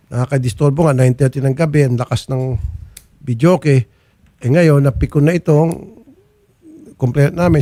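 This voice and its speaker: A man's voice: mid-range voice, dark tone, dry recording. A man hosting a complaint program, firmly questioning the people in front of him and repeating their answers back. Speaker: program host.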